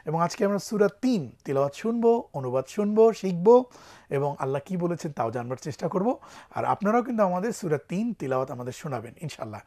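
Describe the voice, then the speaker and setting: A woman teaching Quran reading on a TV program, sounding out Arabic letters loudly and asking viewers to repeat after her. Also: lowish voice, big pitch swings, quick pace. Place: TV studio.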